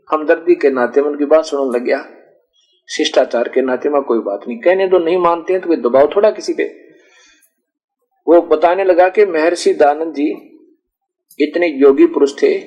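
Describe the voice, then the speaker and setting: Rustic preacher, fairly high voice. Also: male voice, darkish tone, rough recording. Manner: rustic, conversational, recounts dialogues with self-corrections. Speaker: spiritual preacher. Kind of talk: storytelling sermon.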